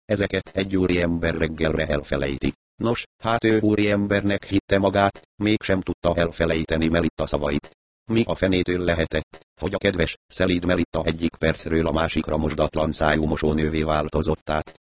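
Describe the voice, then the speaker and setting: A man's voice: low voice, steady tone. A man narrating an audiobook in a wry storytelling manner.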